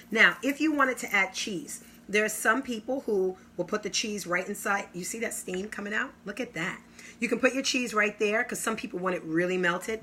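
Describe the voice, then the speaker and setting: Bright, enthusiastic woman demoing kitchen gadgets. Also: mid-range voice, a little hiss or hum. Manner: enthusiastic salesy, drawn-out exclamations. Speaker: product demonstrator. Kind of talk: live kitchen product demo.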